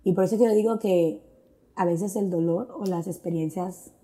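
A woman's voice: on the low side, normal speed, mellow. A woman telling a personal faith testimony in an earnest, reflective way, mixing in English phrases. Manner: mixes Spanish with English phrases; earnest, reflective, with frequent fillers. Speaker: guest sharing a testimony.

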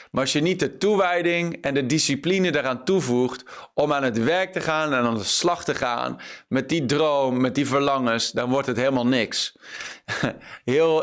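A man's voice: medium pitch, clear, resonant tone. A man preaching an online sermon as pastor, earnest and full of fillers and repeated words.

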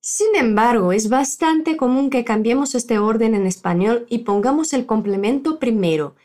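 A woman teaching a language lesson with a fairly high, very lively voice that rises and falls a great deal. She explains each point clearly and then says the example phrases slowly and carefully so the listener can repeat after her. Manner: slow, carefully spoken model phrases for the learner to repeat.

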